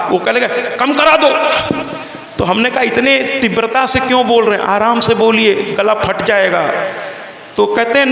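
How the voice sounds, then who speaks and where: A male religious storyteller giving a devotional scripture discourse in lively tones, acting out the voices of the people in his stories. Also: high voice, gravelly. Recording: echoey hall with long reverb.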